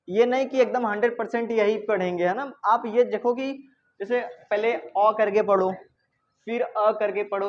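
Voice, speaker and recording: A man teaching English pronunciation to a class, asking questions and repeating words slowly. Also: high-pitched, muffled recording. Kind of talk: classroom lesson.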